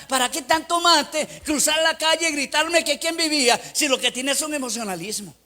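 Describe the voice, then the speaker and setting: Middle-aged male pastor, Costa Rican accent, very high-pitched voice, emphatic sermon delivery. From Costa Rica. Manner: emphatic preaching with lively anecdotes.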